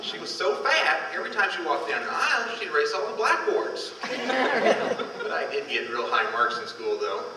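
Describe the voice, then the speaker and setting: Recorded from a distance in a reverberant large hall, noisy with a live audience, a male amateur comic with a slightly high voice delivers homespun, old-fashioned stand-up. His pitch swoops lively as he stretches out setups and spins rustic tales in character.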